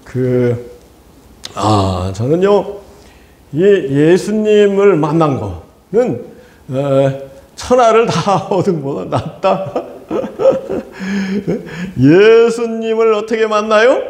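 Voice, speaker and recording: A man preaching a sermon as pastor, animated and laughing often, asking the congregation for amens. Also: sits high, very slow, reverberant.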